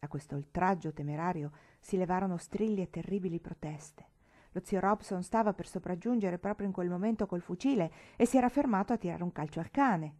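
A woman reading a classic novel aloud as an audiobook, narrating in first person in a measured, expressive way. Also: lowish voice. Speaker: audiobook reader.

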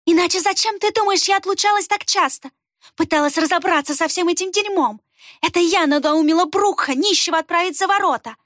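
A woman's voice: high voice, animated, drawn-out words, hardly any pauses, dry recording, studio quality, voice pushed up, heavily acted. A woman reading an audiobook voices a cunning female fox killer who speaks venomously and sneers. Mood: venomous fury. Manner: hissing, spiteful, sneering.

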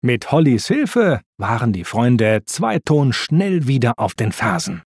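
A man narrating a children's storybook with expressive, slow reading. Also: mid-range voice, husky, no room sound, clean studio sound.

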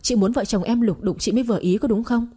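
A woman's voice: a little high, quick pace, warm tone, husky. A woman voicing a young husband who firmly defends his wife in a read-aloud story. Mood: exasperated. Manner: firm, exasperated pleading.

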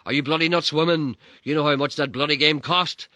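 A man's voice: on the high side, steady tone, a little fast, bright, forceful tone, dry recording, voice pushed up. A man voicing an exasperated, swearing father in a spoken story. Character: gruff, exasperated father, middle-aged ex-soldier.

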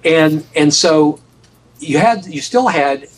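A man's voice: on the high side, animated, slow, recorded from a distance, slight background noise, low-quality recording. An American man telling a story as an interview guest, emphatic, often repeating and restarting his phrases. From United States. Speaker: guest author on a radio show.

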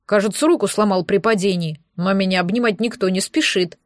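A woman voicing a blunt, grumbling male werewolf warrior in an audiobook, speaking forcefully. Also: high voice, brisk, no room sound, studio quality, close to an everyday voice.

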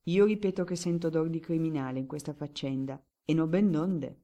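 A woman reading a pompous, dry old-style lawyer who lays out his suspicions like a courtroom speech. He declaims emphatically in a low, mellow tone, building his case point by point for the audiobook. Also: fairly quick. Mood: declaiming.

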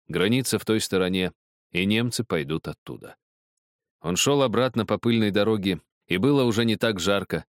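A man reading a novel aloud as narrator, measured and expressive. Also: low voice, no echo, clean studio sound. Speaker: audiobook narrator. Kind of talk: scripted narration.

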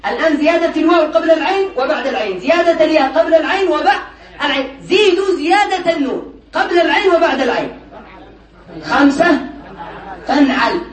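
Male teacher, high-pitched, quizzing students, recorded from afar in an echoey classroom. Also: expressive, fast talker, a faint crowd. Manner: drills the class with repeated questions. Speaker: teacher of Arabic morphology. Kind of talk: classroom lecture. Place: classroom lesson. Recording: echoey room from far off, class murmur.

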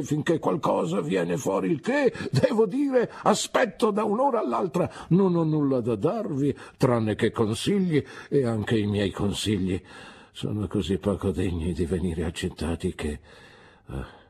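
A woman reading an audiobook, voicing a pompous, grandiloquent middle-aged man who talks in slow, theatrical, emphatic declamations. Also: extremely low pitch, animated, gravelly, warm tone, husky, heavily acted.

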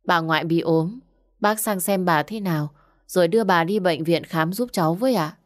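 A woman's voice: on the low side, normal speed, dry recording, clean studio sound, lightly acted. A woman voicing a poor young village girl who speaks politely and pleads. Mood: pleading.

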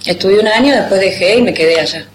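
In an echoing room with background noise, a thirtysomething Argentine woman writer talks fast in a mid-range voice during a casual interview. Her accent is rioplatense Argentine Spanish, and she keeps teasing herself and laughing at her own remarks.

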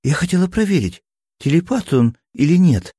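A man putting on a flustered young girl, halting and naive. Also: very animated, mellow, husky. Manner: raised pitch, hesitant, halting.

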